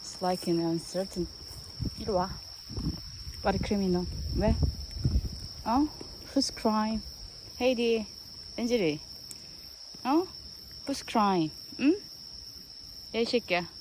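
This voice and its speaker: A woman's voice: mid-range voice, drawn-out words, pauses often. A woman chatting with her dogs, switching between fond baby talk and mock scolding, now and then in English. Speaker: pet owner talking to her dogs. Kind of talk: casual chat with pets. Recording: noisy outdoor ambience.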